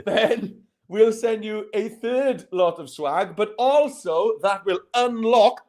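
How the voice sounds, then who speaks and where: A man's voice: sits high, slow, darkish tone. A Welsh man co-hosting a live lesson, explaining things casually with light banter.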